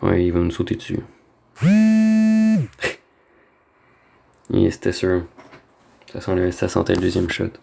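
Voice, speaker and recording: A man's voice: sits low, completely flat delivery, brisk, vocal fry, dark tone, a little hiss or hum. A man with a Québécois French accent giving casual, rambling gaming commentary, slangy and dropping in bits of English slang. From Quebec, Canada. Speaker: gamer recording a video.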